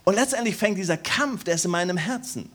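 Man, middle-aged, pastor, sermon, slightly high voice, shifts between soft low passages and loud exclamations. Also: lively intonation, quick pace. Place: warm church hall.

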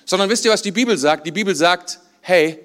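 A man's voice: high-pitched, fast, fairly bright tone. A male pastor preaching a sermon in church, talking conversationally and putting questions to the congregation.

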